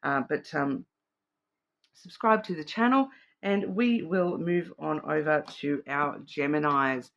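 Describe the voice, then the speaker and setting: A woman's voice: low voice, slow, highs cut off. Aussie lady doing a chatty card reading, middle-aged, wanders around her thoughts with lots of ums. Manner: rambling and intuitive, thinking aloud with many fillers. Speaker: card reader. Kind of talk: casual psychic reading monologue.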